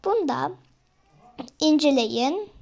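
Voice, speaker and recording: Young woman with a high voice, chatty and a bit hesitant, talking to her viewers like friends in a home tutorial. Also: animated, very slow, creaky, darkish tone. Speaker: vlogger teaching herself Korean. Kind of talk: casual tutorial vlog.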